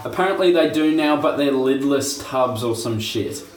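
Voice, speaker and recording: A man's voice: mid-range voice, lively intonation, moderate pace. A young man hosting a casual shaving review, chatty and laid-back, laughing at himself. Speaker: shaving video host. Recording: roomy home recording.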